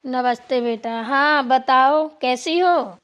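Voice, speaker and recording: A woman's voice: high-pitched, slow pace, a bit bright, highs cut off. A woman voicing a middle-aged village mother-in-law who drawls and grumbles in a cartoon. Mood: friendly. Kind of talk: cartoon voice acting.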